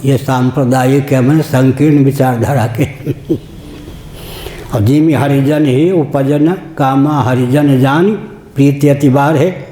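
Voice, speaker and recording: A man's voice: medium pitch, fairly even intonation, slow, dark tone, roomy sound. An older man, a spiritual teacher, giving a religious discourse, explaining with anecdotes and laughing at his own jokes.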